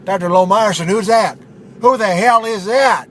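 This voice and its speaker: A man voicing a cranky, foul-mouthed barfly in a spoof radio ad, loud and irritable. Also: sits high, moderate pace, slight background noise, pitched above the performer's own voice, lightly acted.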